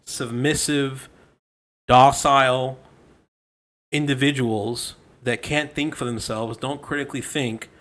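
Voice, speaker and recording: A man's voice: medium pitch, fairly bright tone. A man in a panel debate who speaks earnestly and sets out his opinions. His voice sits in the middle range. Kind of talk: debate discussion.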